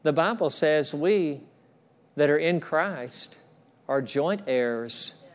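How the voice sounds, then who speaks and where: Man, middle-aged, pastor preaching, earnest, repeats phrases, slightly high-pitched, church sanctuary. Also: lively intonation, slow pace. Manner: earnest, repeats phrases, drops soft for quoted words. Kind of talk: sermon.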